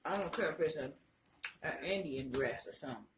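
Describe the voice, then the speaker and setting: A vlogger chats casually and frankly between bites of crunchy fried chicken in a colloquial mukbang style. Her low-pitched voice is fairly quick with lively intonation. The recording sounds roomy, with a distant mic, faint noise and clicks.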